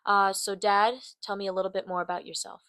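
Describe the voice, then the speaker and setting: A woman's voice: medium pitch, flat delivery, brisk, fairly bright tone, no echo. A young woman hosting a podcast, interviewing her parents with upbeat, conversational questions. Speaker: podcast host.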